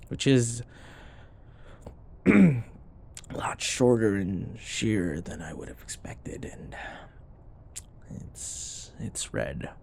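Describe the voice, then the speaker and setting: In an intimate ASMR boyfriend roleplay, a man plays a teasing, flustered young office rival, speaking haltingly and sometimes slipping into breathy murmurs and sighs. His mid-range voice is a little mellow and deliberately exaggerated.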